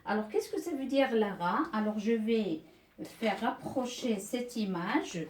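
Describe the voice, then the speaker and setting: A woman's voice: fairly high pitch, expressive, unhurried, a little mellow, recorded from a distance. A woman teacher giving a beginners' reading lesson, patiently repeating words and syllables one by one. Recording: echoey room, voice off-mic.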